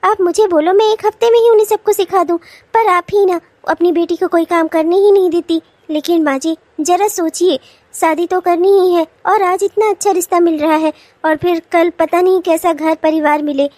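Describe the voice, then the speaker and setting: A persuasive daughter-in-law in a cartoon, smooth and coaxing, as a woman voices her. The voice is high but a little lower than the other women, and it is dry and close on the mic. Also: fairly even intonation, normal speed, a little mellow, dry recording. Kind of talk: cartoon voice acting.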